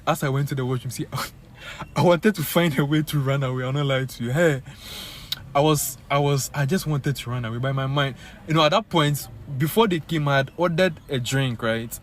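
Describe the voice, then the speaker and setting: A young Ghanaian man with a Ghanaian accent, telling a story to his viewers in an animated, casual way full of fillers. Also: mid-range voice, normal speed, a little hiss or hum. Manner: animated, many fillers, addresses viewers as guys. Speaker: vlogger.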